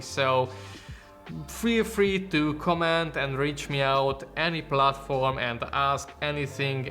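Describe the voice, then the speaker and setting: A young Hungarian man who runs a photography YouTube channel talks to camera in a casual vlog about it, speaking English as a second language with a Hungarian accent. His mid-range voice is bright and forceful, and his tone is earnest and informal with non-native phrasing.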